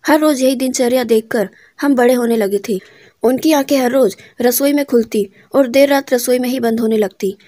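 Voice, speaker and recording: A woman narrating an emotional first-person story about her mother in a soft, heartfelt and reflective way. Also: a little high, normal speed, no echo, clean studio sound. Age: adult, married daughter.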